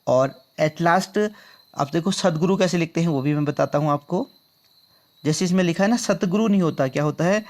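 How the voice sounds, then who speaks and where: Man going through exam questions, higher-pitched. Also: darkish tone. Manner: drills answers by repeating them back as questions; addresses viewers as friends. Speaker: exam prep teacher. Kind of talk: explaining quiz answers.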